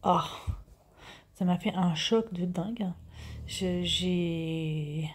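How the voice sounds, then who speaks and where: A woman's voice: on the low side, extremely slow, a little hiss or hum. A woman in her fifties telling a story to her viewers in a chatty way, full of fillers and restarts, sometimes dropping to a whisper. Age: 50s. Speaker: vlogger.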